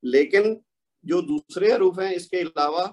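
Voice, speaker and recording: A man's voice: high voice, a little mellow, rough recording. A man teaching a lesson, patiently spelling out letters one by one and repeating them. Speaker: Quranic Arabic teacher. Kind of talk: explanatory lesson.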